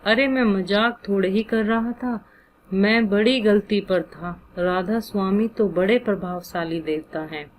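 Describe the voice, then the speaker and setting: A woman voicing a frail elderly father who speaks softly and sheepishly. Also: mid-range voice, measured pace, natural voice, poor audio. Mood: coaxing. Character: elderly frail father, shy and gently teasing.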